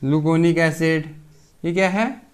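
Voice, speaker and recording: A man talks through a pharmacy chemistry lesson in a relaxed classroom way. His voice sits a little high for a man. He poses questions to his students, answers them himself, and keeps checking in as he goes. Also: a little slow. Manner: explains step by step, asks and answers his own questions, keeps saying "theek hai". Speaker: pharmacy lecturer. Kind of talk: casual classroom lecture.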